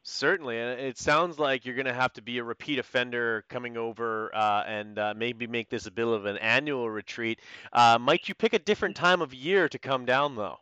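A man's voice: mid-range voice, moderate pace, pushed and bright, smooth, no room sound. A man hosting an interview, friendly and joking, with many hesitant fillers. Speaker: interviewer, host. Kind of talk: casual interview.

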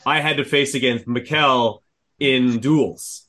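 A man in his thirties from Manitoba, Canada, hosting a casual interview and telling stories in a lively, chatty way. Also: mid-range voice, takes it slowly. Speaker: podcast host.

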